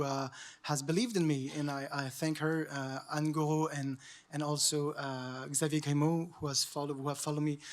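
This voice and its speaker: A man with a French accent giving an unscripted acceptance speech on an awards stage, hesitant, with many fillers and restarts. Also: on the high side. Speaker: award winner, journalist.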